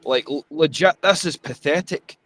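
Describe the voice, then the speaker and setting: A man's voice: a little high, normal speed, a bit bright, dry recording. A Scottish man chatting bluntly on a watch party. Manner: blunt, swears. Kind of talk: casual live watch party chat.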